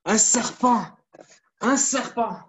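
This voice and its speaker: A woman leading a children's judo class, coaxing and repeating each instruction in a lively way. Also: on the high side, slow, slight background noise. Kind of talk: live online kids' class, story-led exercises. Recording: echoey room, far from the mic.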